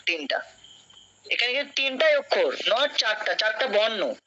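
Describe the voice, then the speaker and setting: A man's voice: high-pitched, expressive, normal speed, sharp tone, highs cut off, slight background noise. A young man teaching a classroom lesson, patient and questioning, often checking that his students follow. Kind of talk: classroom lecture.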